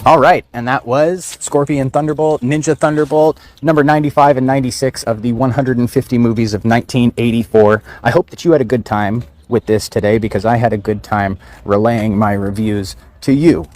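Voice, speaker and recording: A man's voice: mid-range voice, steady tone, a little fast, few pauses, a little mellow. A man hosting a film podcast, reading a scripted movie review in a wry, sarcastic way with casual fillers.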